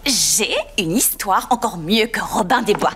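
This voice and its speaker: A woman's voice: mid-range voice, lively intonation, unhurried, fairly bright tone, slight background noise. A young woman playing a proud, jealous teenage big sister telling stories in a dubbed TV sitcom. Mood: indignant, jealous.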